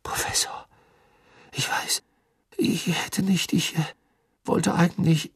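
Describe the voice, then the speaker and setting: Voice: medium pitch, fairly even intonation, unhurried, husky, dry recording, studio quality, voice pushed up. A reader voicing a flustered schoolboy who stammers hesitant excuses in a half-whisper in an audiobook. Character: flustered schoolboy caught out, embarrassed.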